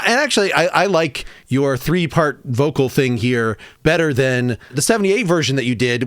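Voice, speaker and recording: A man's voice: a little high, no room sound, clean studio sound. A man hosting a podcast interview, enthusiastic and rambling, often restarting his thoughts. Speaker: podcast host.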